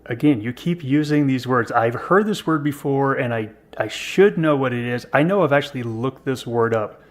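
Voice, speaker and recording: A man in his fifties with an average-pitched voice, co-hosting a podcast. He chats casually, jokes around and pokes fun at himself. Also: moderate pace. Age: 50s. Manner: self-deprecating, joking. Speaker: podcast co-host.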